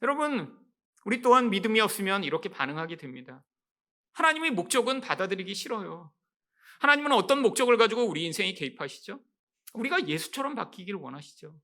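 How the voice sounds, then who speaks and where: Male preacher mid-sermon: animated, gravelly, bright voice, keeps calling out to the congregation. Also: high voice. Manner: emphatic, rhetorical questions, repeats "여러분". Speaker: pastor. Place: church sanctuary.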